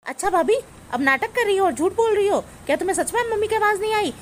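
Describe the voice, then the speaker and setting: A woman's voice: a little high, animated, fairly quick, a little hiss or hum, natural voice. A woman playing a spoiled, demanding grown daughter who whines and accuses in a family comedy skit. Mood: accusing. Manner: whiny, bossy, accusing.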